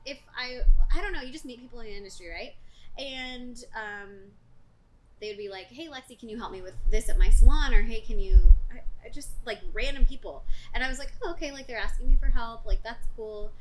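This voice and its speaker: A woman's voice: a little high, fairly quick, a little hiss or hum, poor audio. A young adult woman, a salon business coach, talking casually as a podcast guest and acting out quoted voices. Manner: chatty, animated, acts out quoted voices.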